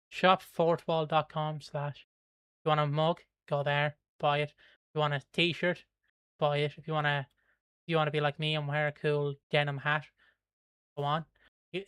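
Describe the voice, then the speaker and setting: His mid-range voice comes across pushed, bright, clear and resonant on a dry recording. The Irish livestream host from Kildare meanders through casual chat, laughing and swearing at viewer comments while offhandedly promoting merch.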